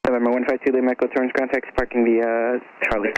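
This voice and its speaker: A man's voice: medium pitch, monotone, quick pace. A man working as an air traffic ground controller, giving clipped procedural instructions over a muffled aviation radio.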